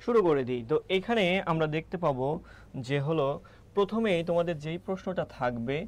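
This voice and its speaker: Young male teacher with a high voice, running a live online class and checking in often with students. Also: animated, a little fast. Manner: explanatory, asks rhetorical questions and checks in with "ঠিক আছে?".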